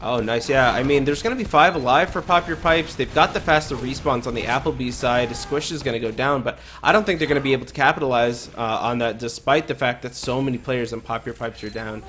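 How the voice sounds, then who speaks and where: A man giving casual play-by-play commentary on a live esports match, talking quickly with frequent fillers. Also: mid-range voice, a bit bright, a little hiss or hum. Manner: quick, chatty, many fillers. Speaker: esports caster.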